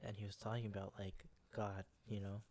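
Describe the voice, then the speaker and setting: Young male co-host, lowish voice, loose rambling delivery full of fillers. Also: flat delivery, fairly quick, darkish tone, faint music behind. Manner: rambling, hesitant with many fillers. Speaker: podcast co-host. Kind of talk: casual chat.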